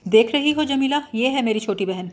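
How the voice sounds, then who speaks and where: A woman's voice: fairly high pitch, lightly acted. A woman reading the part of a bumbling, mock-serious young man who blusters and lectures pompously.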